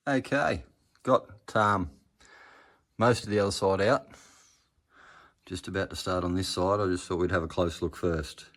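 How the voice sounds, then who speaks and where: A man's voice: sits low, fairly even intonation, unhurried, pauses often, a bit bright. A man with a broad Australian accent giving laconic, slangy, off-the-cuff commentary in a casual workshop vlog. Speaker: hobby car restorer presenting progress videos.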